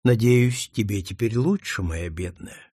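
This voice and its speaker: A man reading the part of a kind, gentle woman, speaking softly and soothingly. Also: mid-range voice, very animated, moderate pace, husky, no room sound, studio quality. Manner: soothing, tender.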